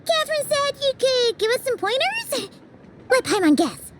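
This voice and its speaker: An actress voicing a tiny, excitable, cheeky flying girl sidekick in a video game, squeaky and childlike. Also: moderate pace, noisy background. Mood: chirpy. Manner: squeaky, childlike, refers to self in third person.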